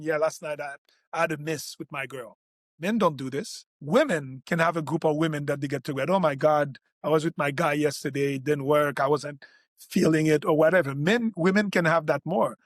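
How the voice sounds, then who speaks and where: A male physician who hosts a health podcast speaks in a voice on the high side, explaining things earnestly and restarting often. English isn't his first language; he grew up speaking French or Creole. The recording is dry and studio quality.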